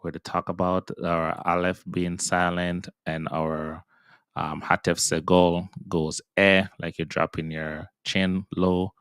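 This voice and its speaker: A man with a very low, smooth voice walks learners through Hebrew pronunciation at an unhurried pace, sounding out each syllable and repeating it patiently. The recording is dry and close, with no room sound. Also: flat delivery, a bit bright, no echo. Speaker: Hebrew reading teacher. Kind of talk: slow step-by-step pronunciation lesson.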